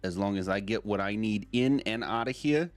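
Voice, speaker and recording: A man's voice: lowish voice, moderate pace, dry recording, soft background music, close to an everyday voice. Man playing a sly, burly tough-guy shopkeeper. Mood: confiding, discreet. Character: big burly shady shopkeeper, discreet and streetwise. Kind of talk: role-play in a tabletop game.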